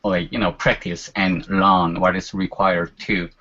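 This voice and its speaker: Speaking a little slowly, a man in his forties uses a low, flat, pushed and bright voice. Korean is his first language, and he chats casually as a guest, peppering his talk with fillers like "you know." The sound is dull and lo-fi.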